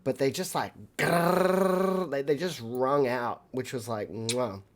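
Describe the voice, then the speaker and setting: A man's voice: mid-range voice, slow. An Australian man, a musician streaming a live album reaction, rambling with many fillers and talking to his viewers.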